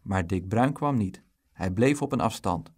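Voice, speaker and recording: A man narrating a children's storybook in an expressive, lively way. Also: lowish voice, measured pace. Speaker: audiobook reader.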